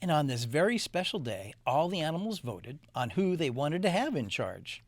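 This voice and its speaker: A man narrating a children's storybook in a playful, animated way. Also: a little high, normal speed, dry recording. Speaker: storybook reader.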